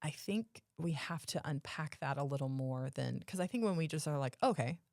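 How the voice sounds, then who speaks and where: A woman's voice: sits low, normal speed, creaky, darkish tone, no echo, clean studio sound. A woman co-hosting a podcast, explaining her points casually and emphatically, often rephrasing them. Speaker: podcast co-host.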